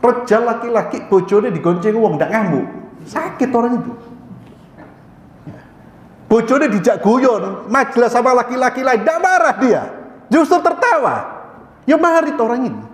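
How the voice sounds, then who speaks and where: A man's voice: very high-pitched, expressive, normal speed, long pauses. A man preaching a mosque sermon, asking and answering his own questions and addressing his listeners as "Pak". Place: mosque hall. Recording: echoey mosque hall with long reverb.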